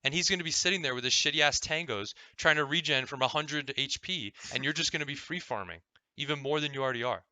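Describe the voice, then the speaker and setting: A man's voice: fairly high pitch, fast talker, sharp tone, no echo. A man coaching a player over a gameplay replay in a casual, explaining way, often checking in with "right?" and swearing freely. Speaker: game coach.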